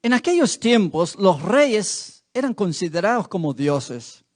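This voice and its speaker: A male preacher with a high, very lively voice delivers a sermon in a church. He speaks slowly and tells the story dramatically. He often turns to the congregation with rhetorical questions.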